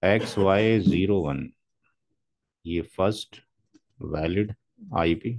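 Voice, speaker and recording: A man's voice: sits low, slow, a little mellow, no echo. A man teaching a classroom lecture as a networking instructor, methodically spelling out numbers step by step.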